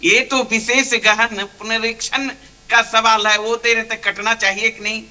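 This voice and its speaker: A man's voice: sits high, flat delivery, a little slow, bright, forceful tone. A man speaking as a party spokesperson on a heated TV panel debate, arguing insistently and repeatedly asking to be heard.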